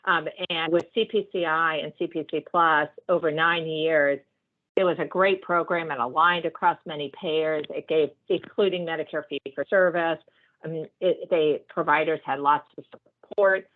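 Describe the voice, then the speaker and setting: A woman's voice: low voice, fairly even intonation, normal speed. Woman on a tinny, dropping call stream. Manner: hesitant, many ums and restarts. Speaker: health plan representative. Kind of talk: presenting in a work meeting. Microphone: video call. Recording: tinny video call line.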